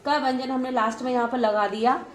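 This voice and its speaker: A woman's voice: high voice, steady tone, fast talker. A woman teacher giving a classroom lesson, patiently prompting her students with questions and praising their answers. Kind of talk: classroom lesson on Hindi vowel signs. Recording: echoey room with faint noise.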